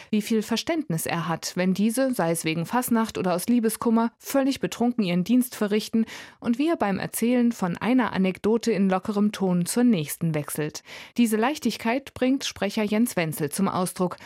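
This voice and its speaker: Give me a woman presenting a scripted radio book review, measured and calm, mid pitch. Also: no room sound, clean studio sound. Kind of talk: scripted narration.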